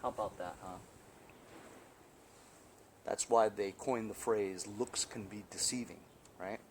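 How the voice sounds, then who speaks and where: A man's voice: on the low side, steady tone, measured pace. Chatty man explaining a mower repair outdoors. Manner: chatty, explains step by step, keeps asking "right?". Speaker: small-engine repair video host. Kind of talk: casual hands-on repair walkthrough. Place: outdoors in a sunny backyard. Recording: outdoor background noise.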